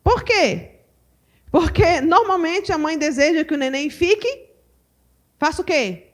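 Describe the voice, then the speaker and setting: A Brazilian woman teaching at a women's church conference, animated and full of rhetorical questions to her audience. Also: very high voice, a little slow. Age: adult mother. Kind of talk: lively teaching talk to a live audience.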